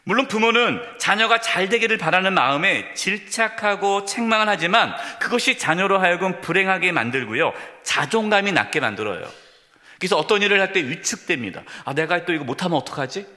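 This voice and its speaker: A male senior pastor preaching a sermon, moving between raised emphasis and hushed, tender asides. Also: high-pitched, expressive, a little fast. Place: church sanctuary. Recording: long reverb of a church sanctuary.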